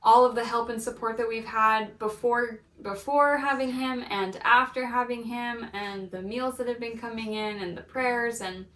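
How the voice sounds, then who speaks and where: A woman's voice: fairly high pitch, fairly bright tone. Gushing woman telling her story in an echoey room. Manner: giddy, gushing, laughs often. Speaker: vlogger and mother telling her birth story. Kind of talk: casual personal storytelling. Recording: echoey room, mic at a distance.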